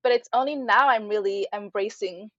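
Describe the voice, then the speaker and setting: A woman's voice: medium pitch, no echo. Earnest Nigerian-born woman, muffled audio. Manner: earnest, explanatory, measured. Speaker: podcast guest. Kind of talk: conversational podcast interview.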